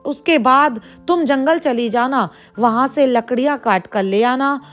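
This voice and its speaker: A harsh, greedy mother-in-law, as a woman storyteller puts her on, scolds and schemes in a high, unhurried voice. Her lines come from a storybook tale. Faint music plays underneath. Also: a bit bright. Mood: scolding. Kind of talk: storybook voice acting.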